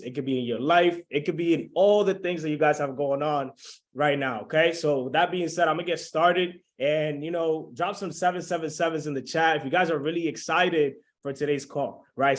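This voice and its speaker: A man in his twenties from the Dominican Republic, hosting a motivational webinar over a video call and keeping the audience engaged. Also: on the high side. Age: 20s. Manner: hyped, keeps checking in with the audience. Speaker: webinar host.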